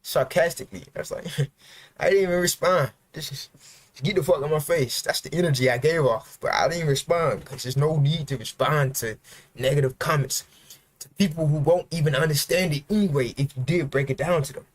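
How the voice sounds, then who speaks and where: A man talks straight to his livestream viewers in a raised, slightly high voice. He preaches self-improvement bluntly and drops profanity without apology. His delivery is a motivational rant, pushing his audience hard. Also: brisk.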